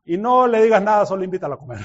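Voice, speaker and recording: A man preaching a sermon in an animated way, dropping to soft asides and rising to shouted exclamations, often laughing. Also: high-pitched, racing. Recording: dull lo-fi recording.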